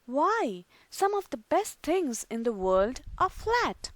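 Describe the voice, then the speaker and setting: Woman doing storybook mom, brisk and motherly, bright high voice. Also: sing-song, dry recording, full character voice. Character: cheerful caring mother.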